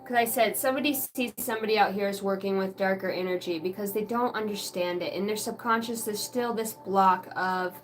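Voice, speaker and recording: A woman gives a rambling live tarot reading for viewers, talking a little fast with few pauses in a medium-pitched voice. She's casual, heavy on fillers and mild swearing, and there's slight background noise.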